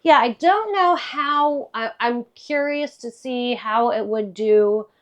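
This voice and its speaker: A woman's voice: fairly high pitch, slow, muffled recording. A woman chatting casually and playfully as she hosts a walk-through tour inside a camper trailer. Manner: playful, joking. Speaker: vlog host giving an RV tour.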